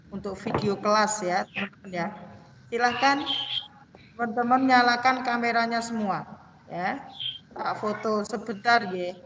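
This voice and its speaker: A woman moderates an online class, giving firm instructions and repeating them to the group. Her voice sits fairly high. It comes through muffled video call audio with many voices clearly heard behind her.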